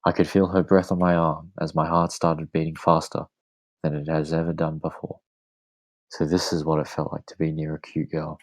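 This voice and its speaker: A man reading a romantic story aloud as a podcast host, in a calm, measured way. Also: extremely low pitch, rough recording.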